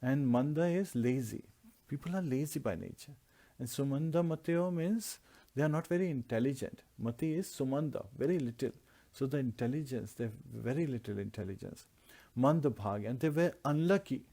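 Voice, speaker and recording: A warm-toned man with a mid-range voice leads a devotional scripture class at a moderate pace. Preaching earnestly, he goes through Sanskrit verses word by word and repeats lists as he explains.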